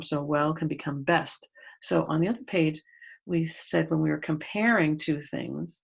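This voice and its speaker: A woman's voice: sits low, gravelly, husky. A woman teaching a grade school grammar lesson to pupils at home, patiently explaining step by step and spelling out letters.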